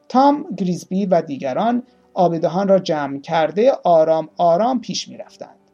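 Gravelly man narrating a story over music. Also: on the high side, warm tone, muffled recording. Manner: reads the tale slowly, playing each speaker with small voice shifts. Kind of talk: audiobook narration.

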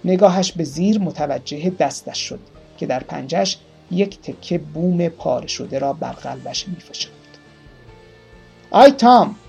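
A man reading a story aloud, slowly voicing its characters with small shifts of voice. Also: on the high side, vocal fry, darkish tone, breathy edge. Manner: reads the tale slowly, playing each speaker with small voice shifts. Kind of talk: audiobook narration.

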